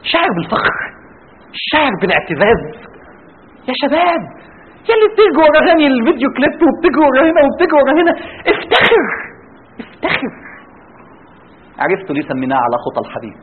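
A man's voice: very high voice, huge pitch swings, rapid-fire. A man with an Egyptian Arabic accent giving a religious lecture, firing rhetorical questions at his audience. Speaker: preacher. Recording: tinny band-limited with faint noise.

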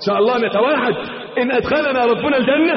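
A man's voice: extremely high pitch, very fast, a crowd in the background. A man with an Egyptian accent preaching a mosque sermon, telling stories dramatically and acting out the quotes in colloquial asides. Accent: Egyptian Arabic. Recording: echoey dull hall recording.

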